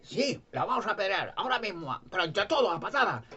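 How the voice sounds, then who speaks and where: A man voicing scheming male Pharisees in a retold gospel story, goading and sarcastic, his voice husky. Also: fairly high pitch, lively intonation, fairly quick, muffled recording, pitched above the performer's own voice. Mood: mocking. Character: scheming male Pharisee accusers, mocking and shrill.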